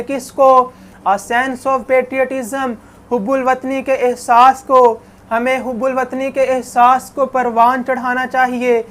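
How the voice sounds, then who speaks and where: A woman teaching an English lesson, reading English phrases slowly and explaining them in Urdu, asking and answering her own questions. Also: sits high. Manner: corrects pronunciation for students. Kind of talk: classroom lecture, translating English to Urdu. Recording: faint background noise.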